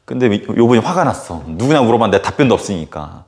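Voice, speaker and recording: A male history teacher tells a story casually during a lecture, animated and full of fillers. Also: fairly low pitch, quick pace.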